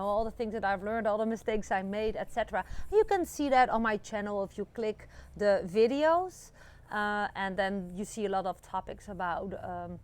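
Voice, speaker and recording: With a clear, resonant voice on the high side, a vlogger in her forties from the Netherlands speaks to her phone camera at arm's length. She has a Dutch accent and chats casually and encouragingly from a rural yard, filling her talk with fillers.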